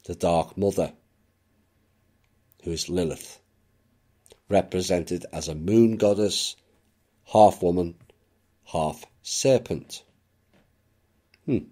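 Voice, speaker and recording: Slow, deep-voiced man musing aloud. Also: dark tone. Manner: measured, unhurried, with occasional asides. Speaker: esoteric channel narrator. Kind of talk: reflective spoken monologue.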